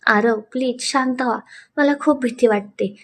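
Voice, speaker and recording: A woman's voice: a little high, moderate pace, fairly bright tone, slight background noise. A woman voicing a frightened, tearful young bride-to-be who speaks shakily and evasively, in a storybook reading. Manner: shaky, evasive.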